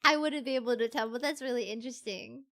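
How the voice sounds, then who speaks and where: A woman VTuber with a Filipino accent talks casually to her stream. Her voice sits a little high and has a very bright, forward tone. She tends to repeat short phrases to stress them. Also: quick pace. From Philippines. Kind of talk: casual livestream chat.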